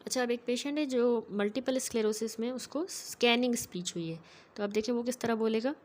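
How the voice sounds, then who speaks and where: A woman giving a methodical, explanatory medical lecture, often pausing to check in with her students. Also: a little high, darkish tone. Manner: methodical, keeps checking in with "ठीक है".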